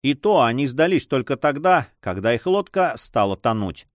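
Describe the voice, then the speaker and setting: A man narrating an adventure novel as an audiobook, in an expressive reading. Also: mid-range voice, moderate pace, no room sound, studio quality. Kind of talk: scripted narration.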